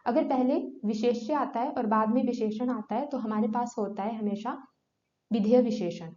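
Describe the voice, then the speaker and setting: Woman teacher going over grammar questions, slightly high voice, roomy dull recording. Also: moderate pace, mellow. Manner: explanatory, rhetorical questions answered herself. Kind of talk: exam-prep grammar lesson. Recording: echoey room, dull lo-fi sound.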